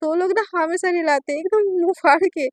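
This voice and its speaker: A woman narrating a romantic story in a chatty, expressive way, full of little fillers. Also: extremely high pitch, fast, no echo. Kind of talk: casual spoken story narration.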